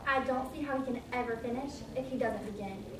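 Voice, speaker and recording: Polite curious girl acted by a woman, high voice, stage reading, slightly indignant, distant microphone. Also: fast talker, close to an everyday voice. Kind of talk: readers' theatre performance. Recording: roomy distant recording, faint noise.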